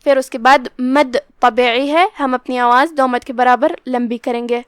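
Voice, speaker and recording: A woman teaching Quran recitation, slowly and carefully explaining how each letter is pronounced. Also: high-pitched, steady tone, smooth, no room sound, studio quality. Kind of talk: step-by-step tajweed lesson.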